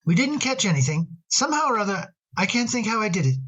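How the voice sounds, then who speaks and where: A man acting in an old radio drama as a tender father talking fondly to his daughter, gentle and a little halting. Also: sits high, very animated, breathy edge, full character voice, rough recording.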